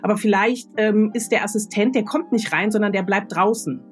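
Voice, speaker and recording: With a German accent, a woman thinks aloud as a radio play author, offering casual creative advice with examples. Her mid-range voice is brisk, and faint music plays behind her.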